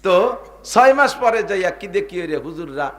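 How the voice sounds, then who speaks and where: A middle-aged Bangladeshi man preaches to a crowd in a somewhat high voice. He swings between loud, emphatic bursts and quiet asides. He keeps turning to his listeners with rhetorical questions. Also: very animated, normal speed. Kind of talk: sermon.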